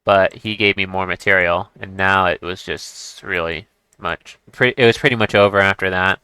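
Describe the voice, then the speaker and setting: A man's voice: sits low, steady tone, moderate pace, sharp tone, clean tone, no room sound. A man giving casual chess commentary as he plays, thinking aloud and restarting his sentences. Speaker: chess streamer.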